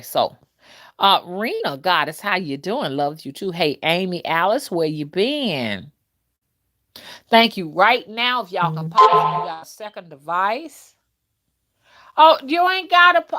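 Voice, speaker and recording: Her voice sits on the high side with a sharp edge. A livestream host and content creator in her early fifties, she keeps things conversational, addressing viewers head-on and frequently dropping in "okay" and "you know" to check with them.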